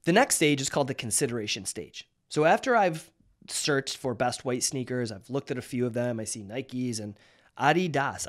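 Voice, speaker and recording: Casual man in his thirties explaining. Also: mid-range voice. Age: 30s. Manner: conversational, with frequent restarts and rhetorical "right?". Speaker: marketing host.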